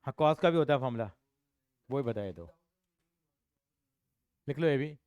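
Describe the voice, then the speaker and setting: A man teaching a class, talking through each step and asking his students quick questions. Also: medium pitch, lively intonation, a little mellow, smooth, dry recording, highs cut off. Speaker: accounts and maths tutor.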